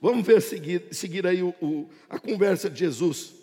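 A man preaching a sermon in a church, shifting from loud emphasis to quiet asides and repeating rhetorical questions. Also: sits high, normal speed. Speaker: pastor. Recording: long church reverb.

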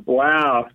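Rambling man on a tinny phone line. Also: medium pitch. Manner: rambling, laughs often, conspiratorial. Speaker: podcast co-host. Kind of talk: casual chat.

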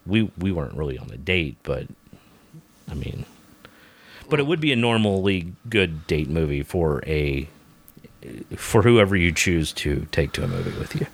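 Low-voiced man in a relaxed film chat. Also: normal speed, long pauses. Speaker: podcast co-host reviewing a film. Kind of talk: casual conversation.

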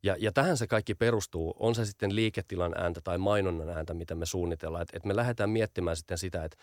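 A man's voice: low-pitched, no room sound, studio quality. A man being interviewed as an audio branding expert, explaining patiently and often repeating small fillers while he thinks.

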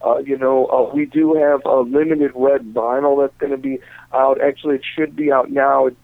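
A man's voice: mid-range voice, flat delivery, moderate pace, gravelly, no room sound. Rambling man on a tinny line. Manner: rambling, many fillers like you know and uh. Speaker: band member interviewed on radio. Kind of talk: casual radio interview chat. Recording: dry, tinny phone-like line.

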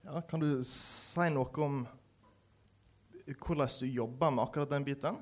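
A man's voice: mid-range voice, fairly even intonation, noisy background. Hesitant male event moderator. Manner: hesitant, with fillers. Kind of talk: introducing authors at a reading event.

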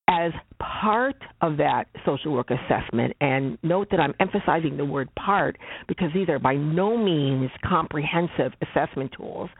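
A social worker giving a slide presentation in a measured, deliberate way, stressing key words by repeating them. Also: medium pitch, slightly rough, dry recording. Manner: measured, deliberate, emphatic repetitions. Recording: phone-like narrow band.

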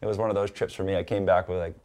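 A man from Hawaii, a guest in a casual interview, talking in a relaxed, rambling way with lots of "like" and "you know.". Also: low voice, rapid-fire.

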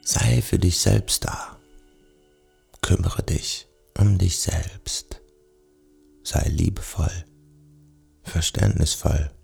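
Very deep, gravelly male sleep narrator. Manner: soothing, gentle, addressing the listener softly. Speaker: meditation guide, sleep story narrator. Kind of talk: guided sleep meditation narration.

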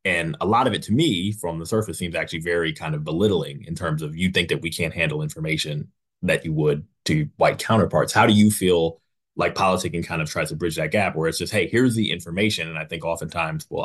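A man with a deep voice works as a panel interviewer. He speaks conversationally and thoughtfully, taking a roundabout route as he frames his questions. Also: breathy edge.

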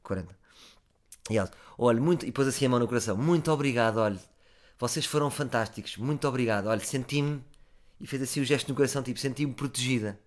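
A man with a European Portuguese accent tells a comic anecdote at a brisk clip. He swings from loud bursts to low asides, with an average pitch for a man. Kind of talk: comic storytelling.

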